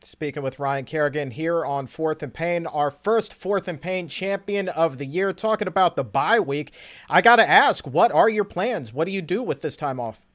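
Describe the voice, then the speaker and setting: A man's voice: fairly high pitch, lively intonation, moderate pace, fairly bright tone. An American man hosting a sports interview, with a polished presenter delivery and playful, mock-formal phrasing. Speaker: sports show host, interviewer.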